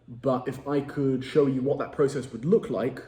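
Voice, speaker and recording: A man's voice: mid-range voice, steady tone, moderate pace, mellow. A man with an English accent making cold sales calls, direct and chatty with self-deprecating asides. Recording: roomy echo.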